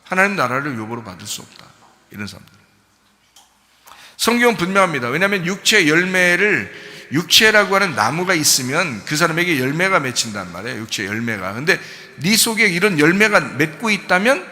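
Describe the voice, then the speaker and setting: A high, very bright male voice that swings widely in pitch as he preaches. The pastor moves from quiet, low teaching into loud, shouted exhortation. His words ring with the long reverb of a church hall. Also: very animated, brisk. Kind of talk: sermon.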